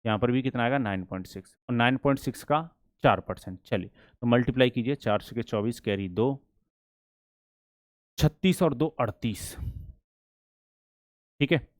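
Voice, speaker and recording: A man teaching a maths lesson for exam prep. He asks the class questions and answers them himself, and he reads problems slowly and deliberately. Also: medium pitch, no echo, studio quality.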